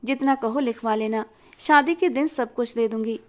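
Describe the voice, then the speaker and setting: A woman's voice: on the high side, close to an everyday voice. A woman reading as a worried aging matriarch. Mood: persuasive. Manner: slow, measured, persuasive.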